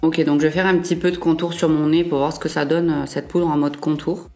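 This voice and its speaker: A woman's voice: deep voice, level tone, fairly quick, a little mellow, soft background music. A young woman vlogger chatting casually through a makeup review, with frequent fillers and self-corrections. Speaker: beauty vlogger.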